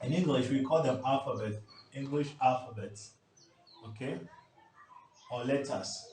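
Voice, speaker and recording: His voice is mid-range and a little mellow, and his pace is measured as he teaches a language lesson at a whiteboard in a small indoor room. He checks in emphatically with "okay?". The close-range camera recording has room echo and faint background hiss.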